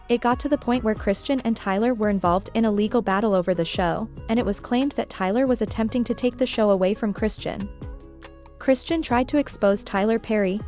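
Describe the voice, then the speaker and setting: A woman's voice: a little high, a little mellow. A woman delivering scripted entertainment gossip commentary as a narrator.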